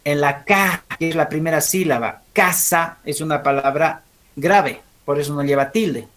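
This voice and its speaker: High-voiced Bolivian teacher checking students' understanding. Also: male voice, a bit bright. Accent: Bolivian Spanish. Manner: keeps checking understanding with quick tag questions; asks students questions and calls on them. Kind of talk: classroom lesson.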